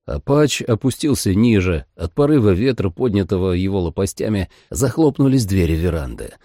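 A man's voice: low voice, expressive, moderate pace, mellow, no echo, studio quality. A man narrating a first-person action audiobook dramatically. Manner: dramatic, voices every character.

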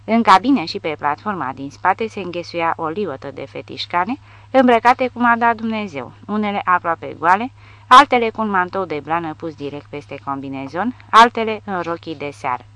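A woman reading an audiobook with lively storytelling. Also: lowish voice. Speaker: audiobook narrator. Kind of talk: audiobook narration.

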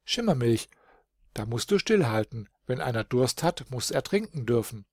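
A man voicing a cheerful, fearless young boy goatherd in a fairy-tale audiobook, with a lively, good-natured manner. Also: medium pitch, normal speed, dry recording, studio quality. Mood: friendly.

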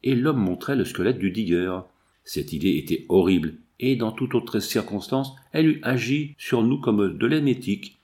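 Male audiobook reader, expressive, animated intonation. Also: on the low side, moderate pace. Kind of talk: scripted narration.

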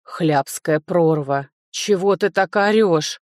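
A woman voicing a gruff, commanding male dragon lord who barks orders in a slow, hoarse way. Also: lowish voice, darkish tone, no echo, clean studio sound. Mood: irritated.

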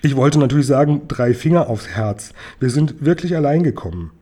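Cheeky eager boy sidekick from a storybook, husky, voiced by a man reading aloud. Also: mid-range voice, expressive, brisk, mellow, natural voice. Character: cheeky eager boy playing word games.

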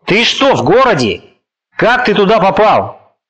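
A male audiobook reader voicing a fussy, anxious elderly professor who asks drawn-out, nervous questions. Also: high-pitched, sing-song, a bit bright, slightly rough, exaggerated voice. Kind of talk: audiobook character reading.

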